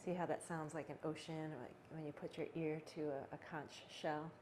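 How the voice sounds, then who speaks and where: A woman teaching a breathing exercise in a gentle, unhurried, conversational way, with pauses. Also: low-pitched, fairly even intonation. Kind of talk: guided breathing instruction, casual and conversational. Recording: clearly noisy background ambience.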